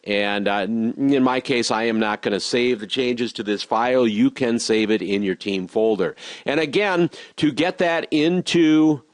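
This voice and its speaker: A man's voice: mid-range voice, unhurried, hardly any pauses, dry recording. Man, robotics teacher, step-by-step screen tutorial, computer mic, dry room. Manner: patient step-by-step explaining with repeated reminders. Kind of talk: screen-recorded software tutorial.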